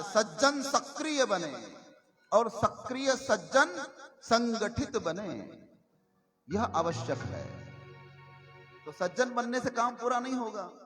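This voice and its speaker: A male religious preacher giving a devotional sermon, measured and emphatic, repeating his key phrases as he tells stories. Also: extremely high pitch. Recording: reverberant hall with faint music.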